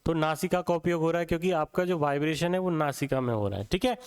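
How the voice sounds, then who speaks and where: A man teaching Hindi for exams, explaining step by step and repeating words slowly to show how they sound. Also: fairly high pitch, smooth. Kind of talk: classroom lecture for exam prep.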